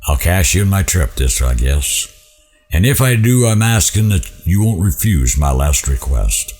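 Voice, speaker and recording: A man voicing a cold, miserable gold prospector in a recited story poem, with a husky, homely cowboy drawl. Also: low-pitched, big pitch swings, measured pace, darkish tone, exaggerated voice. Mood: resigned, pleading.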